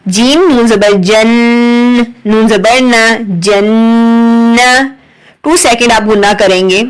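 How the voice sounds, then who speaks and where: Very slow, high-pitched woman teacher. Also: clean tone, rough recording. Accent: Urdu. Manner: spells out letters and vowel marks, then blends them slowly. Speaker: Quran reading teacher. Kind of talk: slow syllable-by-syllable recitation lesson.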